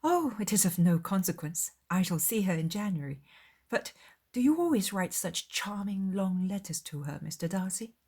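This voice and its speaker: Period audiobook role: woman as fawning young lady of society, affected, flattering, effusive. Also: medium pitch, normal speed, breathy edge. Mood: gushing, flattering. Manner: gushing, affected.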